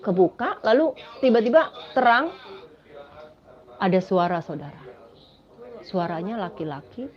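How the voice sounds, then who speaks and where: A woman giving a spoken personal testimony, telling her story dramatically and often addressing listeners as "Saudara". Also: on the high side. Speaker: testimony speaker. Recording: dull lo-fi recording.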